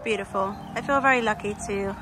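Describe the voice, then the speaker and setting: A woman's voice: mid-range voice, a little fast. A young English woman chatting cheerfully to her handheld camera as she vlogs outdoors in the countryside. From England. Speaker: vlogger. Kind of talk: casual travel vlog. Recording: noisy outdoor camera audio.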